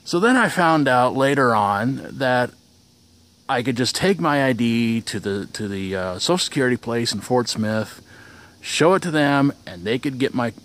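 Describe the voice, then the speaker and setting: A man's voice: medium pitch, animated, moderate pace, fairly bright tone. A young man telling a casual vlog story outdoors, rambling, with restarts and chuckles. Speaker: vlogger.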